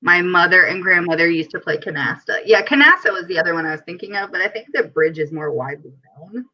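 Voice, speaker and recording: This livestream host is a giggly, talkative woman chatting casually and reading out viewer comments, her lowish voice animated and fast. The stream sound is dull and lo-fi.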